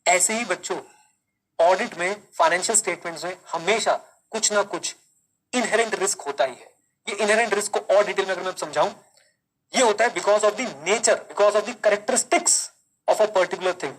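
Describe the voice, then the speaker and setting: A male teacher giving a live online class, speaking slowly and deliberately, repeating key lines, quizzing students and mixing Hindi with English. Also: high voice, a bit bright, poor audio. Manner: mixes Hindi and English, calls students kids.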